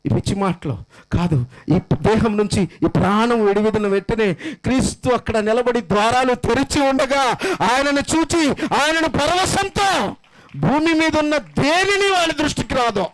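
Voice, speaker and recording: A man preaching a memorial sermon, swinging from loud high exclamations to low murmurs and calling out hallelujahs. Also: lively intonation, unhurried. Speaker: pastor.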